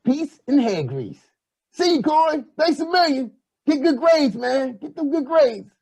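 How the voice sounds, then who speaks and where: A man voicing an excitable boyish puppet who hosts a kids' show like an overbright party host, with a husky voice and hyped, exclamatory delivery. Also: very high voice, a little slow, exaggerated voice. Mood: overbright, excited. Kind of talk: children's puppet show presenting.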